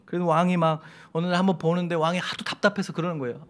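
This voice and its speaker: A middle-aged man delivers a Sunday sermon in a church sanctuary, his voice sitting slightly high. He keeps it lively and humorous, slipping into acted-out quoted voices as he tells the story. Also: racing. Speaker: pastor.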